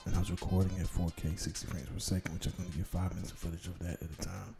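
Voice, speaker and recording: A man's voice: low-pitched, little pitch movement, very fast, creaky, mellow, soft background music. A man in his thirties giving a casual, slangy, joking voice-over as a vlogger on his food challenge.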